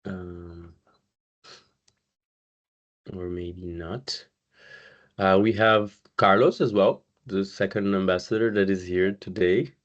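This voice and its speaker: A man from Brazil, a community manager, hosting an online webinar in a relaxed, conversational way over a video call. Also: low-pitched. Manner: relaxed, conversational, pauses often with "uh" and "um". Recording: slightly muffled video call audio.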